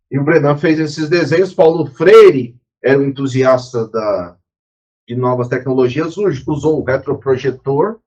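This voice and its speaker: A man's voice: medium pitch, dull audio. A man, teaching a recorded lecture in a spontaneous, explanatory way with frequent restarts and asides.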